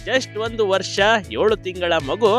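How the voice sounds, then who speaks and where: A man's voice: sits high, slow pace. A man reading a scripted news voice-over with emphatic, dramatic delivery and folksy asides to the viewer. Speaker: news narrator. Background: faint music.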